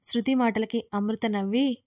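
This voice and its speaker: A woman reading a romance story aloud in a steady, soft-spoken narration. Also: fairly high pitch, measured pace.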